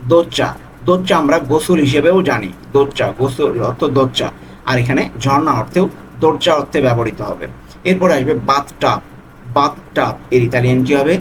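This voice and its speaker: A man tutoring a vocabulary lesson, repeating each word slowly and patiently. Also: mid-range voice, a little hiss or hum, low-quality recording. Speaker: language tutor.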